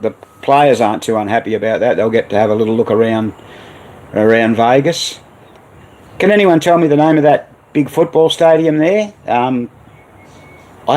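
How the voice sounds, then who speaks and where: A man's voice: medium pitch, a little mellow, low-quality recording. An Australian man hosting a casual livestream about repairing old pinball machines, rambling with many fillers. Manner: rambling, reads viewer messages aloud.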